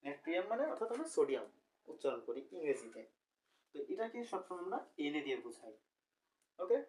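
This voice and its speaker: A man's voice: a little high, very animated, quick pace, a little mellow, recorded from a distance, rough recording. A young man teaching a recorded chemistry lecture, explaining step by step and asking the class questions, correcting himself as he goes.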